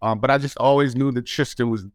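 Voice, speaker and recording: A man from Brooklyn, recalling his acting days in an animated, storytelling way. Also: mid-range voice, fast, dry recording, clean studio sound. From Brooklyn, New York. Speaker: interviewed actor. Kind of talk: casual interview recollection.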